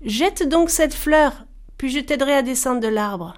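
A woman voicing a cunning, cruel young brother in a storybook tale, speaking in a falsely sweet, drawn-out voice. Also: high voice, expressive, a little mellow, clean tone, voice pushed up. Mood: coaxing.

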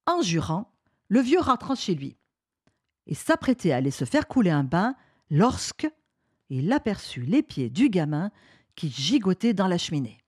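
A woman's voice: lowish voice, husky, dry recording, clean studio sound. A woman narrating a children's story expressively. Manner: expressive, unhurried.

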